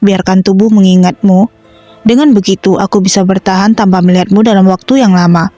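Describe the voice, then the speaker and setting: A woman reading a romance comic aloud in a scripted, even tone, voicing every part herself. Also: medium pitch, fairly quick, no room sound, lo-fi sound. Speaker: comic dub reader. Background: faint background music.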